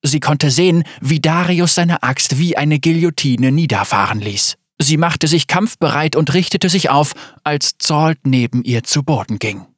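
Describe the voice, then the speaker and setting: A man narrating a dramatic story in a measured, scripted reading. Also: a little high, no room sound, studio quality.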